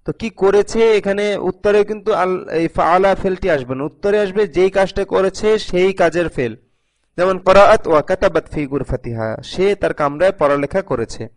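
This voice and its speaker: In this recorded video lesson, an Arabic teacher with a high-pitched male voice works at a moderate pace. He patiently reads sentences aloud, translates each one line by line, and often repeats phrases so learners can follow.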